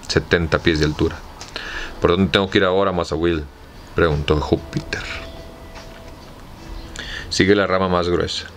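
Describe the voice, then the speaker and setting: A man with a Mexican accent reads a story aloud in a very deep voice. His pitch stays nearly flat throughout. A faint background noise runs beneath him. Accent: Mexican Spanish. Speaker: audiobook reader.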